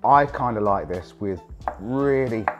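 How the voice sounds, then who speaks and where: A man hosting a casual cooking demonstration, hoarse from a cold, chatting enthusiastically to viewers as he cooks. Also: on the low side, animated, measured pace, lo-fi sound, over music. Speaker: cooking show host.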